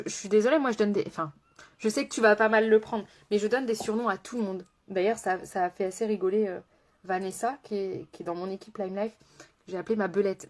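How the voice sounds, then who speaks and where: Woman makeup artist yakking away on a live, friendly, giggly, talks to viewers by name. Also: medium pitch. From France. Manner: chatty, laughs often, answers viewers by name. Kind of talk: casual live-stream chat while doing makeup.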